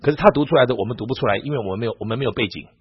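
A man teaching a Bible class in a lively, repetitive way, stumbling over restarts. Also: medium pitch, very fast, breathy edge. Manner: animated, repeats words, stammers on restarts. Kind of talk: teaching talk on Bible reading. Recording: dull lo-fi sound.

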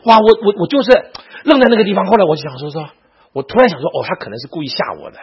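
A church elder tells a story in a sermon. He is animated, acts out quoted speech and often restarts his sentences. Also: sits high, racing, slightly rough. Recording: muffled lo-fi recording.

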